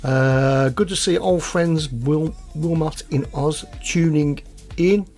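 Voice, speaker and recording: A man's voice: on the high side, slow pace, a little mellow, soft background music. A man co-hosting a podcast, reading out viewer comments in a jokey, chatty way. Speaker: podcast co-host.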